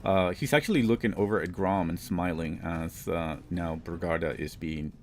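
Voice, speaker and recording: A man's voice: deep voice, moderate pace, a little hiss or hum. A man narrating a tabletop game as game master.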